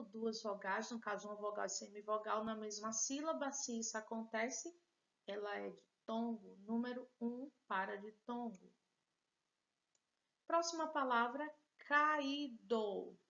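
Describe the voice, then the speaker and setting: A woman's voice: a little high, fairly bright tone, highs cut off. A woman teacher with a Brazilian Portuguese accent, giving a patient, encouraging lesson and joking about her own handwriting. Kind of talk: recorded remote class lesson.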